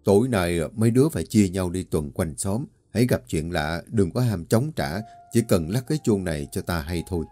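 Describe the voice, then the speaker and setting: A man voicing a grave, commanding old male folk exorcist, speaking slowly and with weight. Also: sits low, animated, dark tone, faint music behind. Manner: slow, weighty, authoritative.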